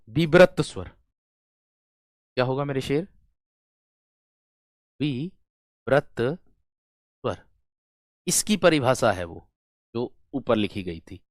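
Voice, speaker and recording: A man teaching an exam-prep lesson, feeling unwell, repeating questions and answering them himself as he explains slowly to his students. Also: mid-range voice, dry recording, studio quality. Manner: repetitive call-and-response, addresses students as friends.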